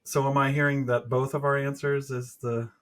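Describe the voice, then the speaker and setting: A man's voice: medium pitch, level tone, normal speed, fairly bright tone. A man with an Arkansas twang, chatting casually as a podcast co-host. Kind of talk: casual chat.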